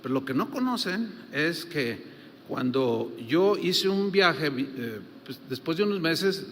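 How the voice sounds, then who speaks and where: A pastor preaching a conversational sermon, telling stories and acting out the dialogue in them. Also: male voice, a little high, expressive, unhurried, a bit bright. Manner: conversational, acts out quoted dialogue. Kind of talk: sermon with storytelling. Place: church hall. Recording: reverberant hall with faint noise.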